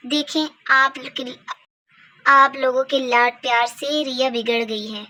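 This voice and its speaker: A woman's voice: high-pitched, fairly even intonation, takes it slowly, sharp tone, full character voice. A woman voicing a strict, worried mother in a doll-play story, lecturing her daughter firmly. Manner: lecturing, firm.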